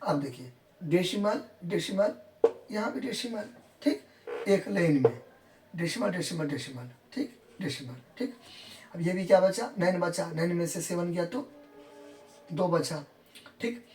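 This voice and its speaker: A teacher working through a maths lesson, repeating every step and pausing to ask whether the class has understood. The voice sits at a middle pitch and comes from some distance from the mic in an echoey room. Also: lively intonation, a little mellow, soft background music. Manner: repeats each step and checks in with students; counts numbers out in English within Hindi talk.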